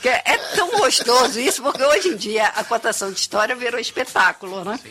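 Animated woman storyteller chatting expressively. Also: fairly high pitch, fast. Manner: expressive, animated, frequent tag questions. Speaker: storyteller and children's author, guest. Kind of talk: conversational interview.

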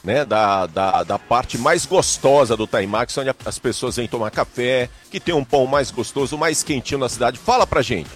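A man's voice: mid-range voice, moderate pace, few pauses, faint music behind. A Brazilian man working as a roving radio reporter, chatting and urging listeners on in a live store promotion. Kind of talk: live promotional broadcast from a shop.

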